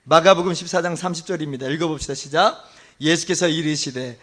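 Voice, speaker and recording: A middle-aged man preaching a sermon as pastor, with impassioned swings between loud outbursts and soft, low phrases, asking the congregation questions. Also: fairly quick. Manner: asks the congregation rhetorical questions.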